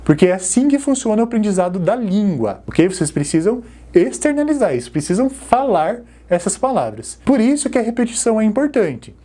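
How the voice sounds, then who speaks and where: Brazilian woman teaching English, mellow voice. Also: mid-range voice, big pitch swings. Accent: Brazilian Portuguese. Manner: slow, drawn-out model words for learners to repeat. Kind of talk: recorded English lesson for beginners.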